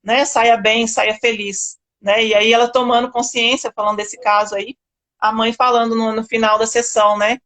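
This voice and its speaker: A woman with a Brazilian Portuguese accent hosting a live stream as a kid coach, speaking calmly and reflectively, often ending with tag questions. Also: fairly high pitch, normal speed. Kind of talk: casual live-stream talk.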